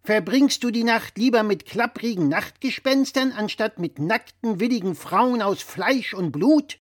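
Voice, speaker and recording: Man voicing a blustering father, opinionated, emphatic, raised voice, lively pitch, dry close sound. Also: measured pace, no echo. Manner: loud, emphatic, lecturing.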